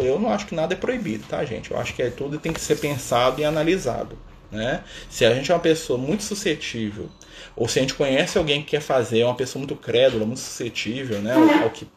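A man's voice: medium pitch, a little hiss or hum. A man talking casually to viewers in a spiritual live stream, chatty and playful, tagging sentences with little questions. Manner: chatty, constant "né?" tags, playful asides.

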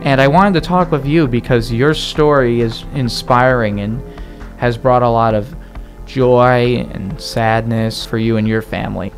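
A male news reporter giving a measured, earnest introduction and then asking interview questions. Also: medium pitch, steady tone. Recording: music playing behind the voice.

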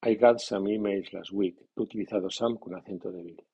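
A man teaching a grammar lesson in a measured, scripted way, reading example sentences slowly. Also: on the low side, steady tone, creaky, breathy edge. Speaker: language teacher. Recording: dull lo-fi sound.

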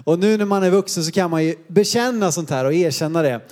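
Man, 30s, from Sweden, preacher, high voice, humorous anecdotes, self-deprecating. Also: animated, a little mellow. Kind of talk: sermon with personal anecdotes.

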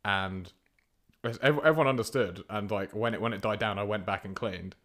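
A man's voice: fairly low pitch, normal speed, fairly bright tone. Young man rambling through a story. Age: young adult. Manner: rambling storyteller, frequent restarts and laughs. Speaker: podcast co-host. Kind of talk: casual chat.

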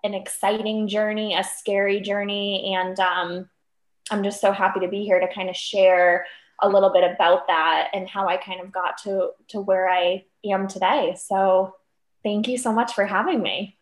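Podcast guest: upbeat woman of 25 from Cape Cod, casual and filler-heavy, middle pitch, recorded in a reverberant room. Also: flat delivery, normal speed. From Cape Cod, Massachusetts. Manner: chatty, upbeat, with many fillers like "um" and "like". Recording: roomy echo.

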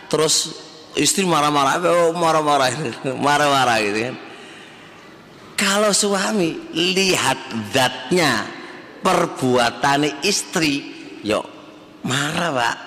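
A man's voice: medium pitch, pushed and bright. A man giving a conversational sermon to a study circle, often asking the audience questions. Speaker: Islamic teacher. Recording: long hall reverb.

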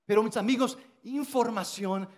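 Male pastor, high voice, emphatic sermon delivery with repeated phrases and jokes. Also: normal speed. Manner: emphatic, repeats phrases for effect, joking asides.

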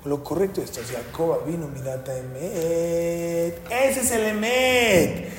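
A man leads a Torah lesson, animated and quizzing his students as he goes. His voice sits fairly high for a man. He is heard in an echoey hall with long reverb and a faint hiss behind him. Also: slow. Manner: animated, keeps quizzing listeners with "sí o no". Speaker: rabbi teaching a class.

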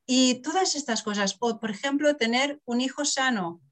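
Woman from Barcelona, middle-aged, fairly high voice, lively storyteller, interview guest. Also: normal speed. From Barcelona, Spain. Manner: animated storyteller, acts out quotes, laughs often. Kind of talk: casual interview talk.

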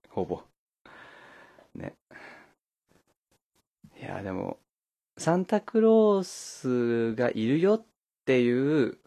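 A man's voice: lowish voice, darkish tone, husky. A man hosting a casual solo podcast from home, rambling with many fillers and laughing often. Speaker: podcast host. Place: at home, wrapped in a blanket.

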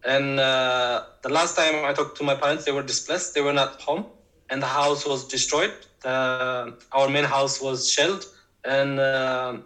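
A man's voice: mid-range voice, sharp tone, low-quality recording. A man from Tigray, answering interview questions as a guest, hesitant and full of fillers and restarts. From Tigray, Ethiopia. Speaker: guest activist.

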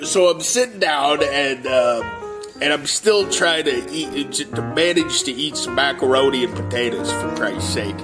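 In a radio comedy sketch, a man with a slightly high voice plays an indignant Italian-American guy from the Bronx. Sounding aggrieved, he tells his tale haltingly and repetitively.

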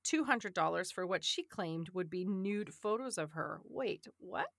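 A woman's voice: fairly low pitch, animated, a little slow, creaky, a bit bright, dry recording, clean studio sound. A woman co-hosting a podcast, reading trivia aloud and chatting about it casually, laughing often. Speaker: podcast co-host.

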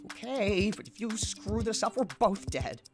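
A woman's voice: mid-range voice, unhurried, music in the background, voice pushed up, natural voice. A man voicing a frightened young woman hostage, crying out tensely in a raised, strained voice. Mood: nervous.

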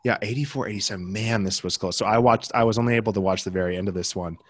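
A man's voice: on the low side, rapid-fire. A young American man co-hosting a podcast, chatting casually about basketball results with plenty of fillers and restarts. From United States. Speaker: podcast co-host. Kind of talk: casual sports chat.

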